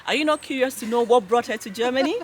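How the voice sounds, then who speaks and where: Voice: mid-range voice, quick pace, a little hiss or hum. An interview host talking straight to viewers, enthusiastic and full of repeated "wow". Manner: enthusiastic, says "wow" often, addresses viewers. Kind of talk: casual interview.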